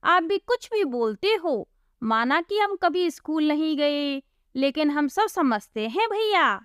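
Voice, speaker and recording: A simple, earnest young village laborer who speaks plainly and pleads when scared, as a woman voices him. The voice sits high and slow-paced, in a dry, close sound. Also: big pitch swings, a bit bright, no room sound, exaggerated voice.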